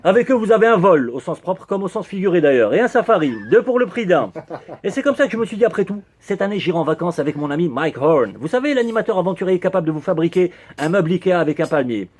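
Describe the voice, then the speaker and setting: A man's voice: high-pitched, lively intonation, fast, a little mellow. A man from Algeria, delivering a satirical comic monologue full of ironic punchlines. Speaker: humor columnist.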